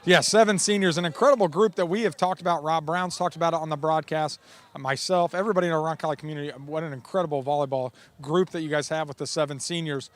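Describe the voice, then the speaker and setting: A man's voice: a little high, steady tone, quick pace. A man working as an enthusiastic, talkative sideline reporter, doing a live sports interview outdoors by the track. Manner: enthusiastic, talkative, repeats and rephrases questions. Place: outdoors beside an athletics track.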